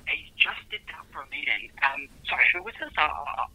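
Fast-talking man on a sharp phone line. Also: fairly high pitch, sing-song, slightly rough. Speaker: office worker answering the phone. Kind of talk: polite phone conversation. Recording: sharp, thin phone speaker sound.

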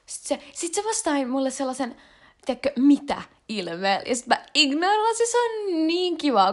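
A young adult woman vlogging in a casual confessional chat, rambling with lots of fillers and slang. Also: high voice. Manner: rambling and slangy, with frequent fillers and English words mixed in.

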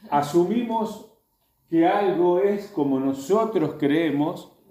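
Reading scripture to a group, a Bible study teacher breaks off now and then to put the passage into plain words. He speaks with an Argentine Spanish accent in a dark, somewhat high voice, recorded in a room with noticeable echo.

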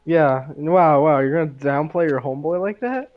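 A man's voice: a little high, normal speed. A man playing in a tabletop game online, joking and recapping names. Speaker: player. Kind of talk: casual game chat. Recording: dull lo-fi voice chat.

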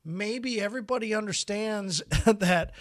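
A man's voice: high voice, measured pace. A man co-hosting a casual podcast chat, talking in loose rambling phrases that restart and repeat as he tastes beer. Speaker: podcast co-host.

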